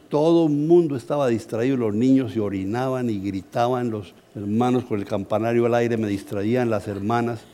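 A middle-aged Colombian man, a pastor, preaching a sermon as an animated, humorous story. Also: mid-range voice. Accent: Colombian Spanish.

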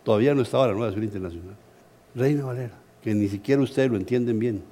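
A middle-aged Colombian man, a pastor, preaching a sermon as an animated, humorous story. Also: medium pitch, racing. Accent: Colombian Spanish.

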